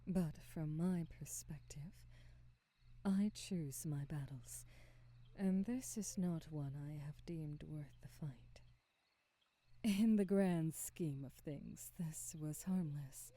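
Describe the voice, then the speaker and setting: This woman's voice sits on the low side as she plays a centuries-old witch shopkeeper in an ASMR roleplay, kindly, maternal and wise. Her delivery is a breathy, soft half-whisper, formal, measured and soothing, with no echo.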